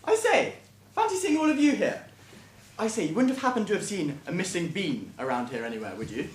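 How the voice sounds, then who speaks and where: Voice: medium pitch, sing-song, fairly quick, natural voice. A performer playing a flustered, posh searcher in a stage pantomime, with exaggerated exclamations. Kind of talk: amateur stage pantomime acting. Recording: echoey noisy hall with audience.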